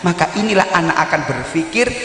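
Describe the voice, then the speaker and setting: A man's voice: on the high side, quick pace, slight background noise. A man with a Javanese accent giving an interactive religious talk on parenting, quizzing and coaxing his village audience. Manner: lively, quizzes and coaxes the audience. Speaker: Islamic parenting speaker. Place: village hall. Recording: echoey hall sound.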